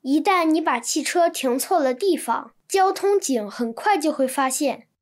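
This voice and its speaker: A woman reading translated textbook sentences in an even, clear manner. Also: high voice, moderate pace. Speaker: Chinese translation reader.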